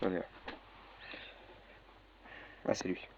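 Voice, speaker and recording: A man's voice: slow, a little mellow. A young man walking through a casual tutorial, hesitant, with many fillers and self-corrections. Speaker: tutorial maker. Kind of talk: casual screen-recorded tutorial. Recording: dull lo-fi mic with faint noise.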